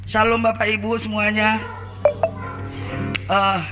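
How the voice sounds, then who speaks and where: Speaking through a face mask, an Indonesian woman gives a conversational church testimony as a lay preacher, chatty and full of hesitations, often turning to address the congregation. Her voice is medium-pitched, level and slow. The hall is echoey, with background noise and loud music behind her.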